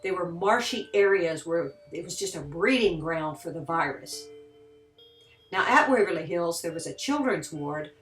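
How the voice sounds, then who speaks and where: Picked up by a distant microphone with faint music underneath, a tour guide from Kentucky narrates inside an echoing hall of a large, empty historic building. She speaks at a moderate pace in a fairly low, expressive and slightly bright voice, keeping things conversational and explanatory.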